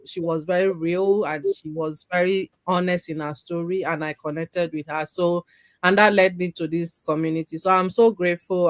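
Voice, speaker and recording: A woman's voice: on the low side, no echo. A woman giving an earnest, tearful personal testimony, often breaking off and restarting her sentences. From Nigeria. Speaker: community member giving a testimony.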